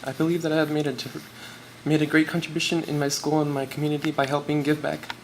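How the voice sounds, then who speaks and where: A man's voice: on the high side, flat delivery, fast talker. A teenage boy giving a nervous, tearful prepared acceptance speech for a student award. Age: teens. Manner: nervous, reading from notes. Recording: noisy live event recording.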